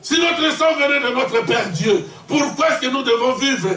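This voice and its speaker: Congolese-born male preacher, very high voice, shouting sermon, distant mic in a roomy hall. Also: animated, moderate pace. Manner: impassioned, shouting, call-and-response with the congregation. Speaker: visiting preacher. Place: church hall. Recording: echoey church hall, distant mic, congregation responding. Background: congregation responses.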